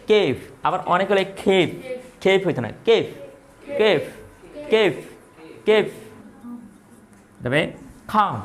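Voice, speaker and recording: A man with a teaching English pronunciation, repeating each word and asking questions then answering them himself. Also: sits high. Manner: repetitive call-and-response drilling, asks then answers. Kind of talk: classroom pronunciation drill.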